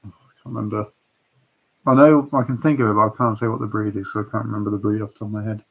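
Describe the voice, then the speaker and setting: A man's voice: on the low side, fairly even intonation, very fast, gravelly, fairly bright tone, husky. A man co-hosting a livestream in casual chat, jokey and full of playful banter. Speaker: livestream co-host.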